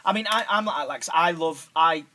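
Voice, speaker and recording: A man with a Manchester accent hosting a casual podcast chat, animated and sweary, his pitch jumping up and down. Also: normal speed. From South Manchester, England. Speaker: podcast host. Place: recording studio. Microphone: podcast mic.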